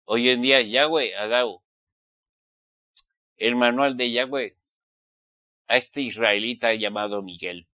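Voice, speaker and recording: A Spanish-accented preacher from the Basque Country delivers a fiery sermon in a medium-pitched voice, speaking slowly with long pauses. The lo-fi recording has no room sound. He admonishes his listeners emphatically and throws rhetorical questions at them.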